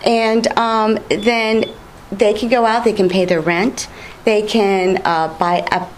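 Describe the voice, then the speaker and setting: A woman's voice: mid-range voice, little pitch movement, takes it slowly, a little hiss or hum, rough recording. A woman business owner being interviewed on TV, telling her story in a friendly, chatty way with fillers. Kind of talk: casual TV interview.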